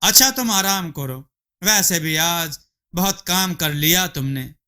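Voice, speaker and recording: A man's voice: high voice, animated, a little slow, sharp tone, clean tone, heavily acted. A man voicing a simple-minded village farmer husband in a storybook tale, fussy and full of exclamations. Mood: coaxing.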